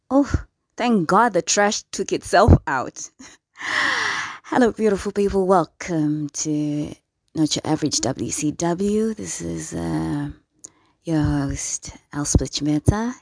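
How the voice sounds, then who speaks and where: Slow, emotional woman podcast host. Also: low voice, vocal fry, a little mellow, no room sound. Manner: emotional, upbeat, laughing often. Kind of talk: casual spiritual self-talk.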